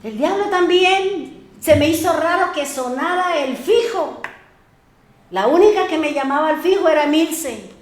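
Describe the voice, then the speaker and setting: A woman pastor preaches in a high, bright voice, telling stories in a lively way and acting out the voices of people she quotes. Her words ring through an echoey church room. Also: measured pace. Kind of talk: sermon.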